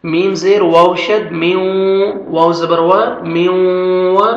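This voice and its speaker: A man with a high voice leads a step-by-step lesson. He draws out each example in a slow chant, then explains in brisk, plain sentences. The recording sounds roomy and a little dull. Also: flat delivery. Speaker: recitation teacher.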